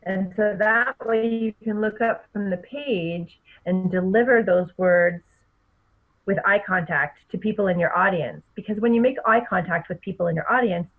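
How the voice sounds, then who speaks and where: Middle-aged female speaking coach, lively explainer, mid pitch, phone-quality audio. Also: moderate pace. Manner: animated, explanatory, laughs often. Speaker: public speaking coach, guest. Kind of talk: podcast interview. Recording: tinny phone-like line.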